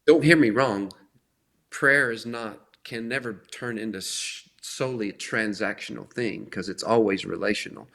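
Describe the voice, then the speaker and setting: A middle-aged man giving an earnest, conversational talk on faith, slowing down to stress key words. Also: lowish voice, a bit bright. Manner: earnest, emphatic, often slows for stress. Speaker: faith speaker.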